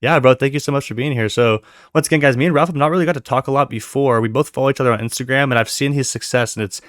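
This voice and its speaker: Fast-talking enthusiastic male podcast host. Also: mid-range voice, a bit bright, no room sound, studio quality. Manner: enthusiastic, loose, uses filler words. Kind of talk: casual podcast interview.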